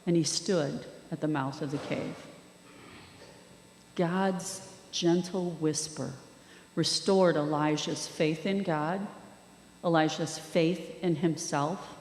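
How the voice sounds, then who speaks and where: A woman preaching a sermon in a church, speaking with slow, measured delivery and dramatic pauses. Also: lowish voice. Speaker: lay preacher and youth worker. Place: church sanctuary. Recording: echoey church hall.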